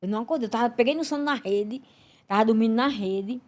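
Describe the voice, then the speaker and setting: A woman, a podcast guest giving a religious testimony, telling her story in an animated way and acting out the voices in it. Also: fast talker. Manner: animated storyteller, acts out voices with big pitch swings.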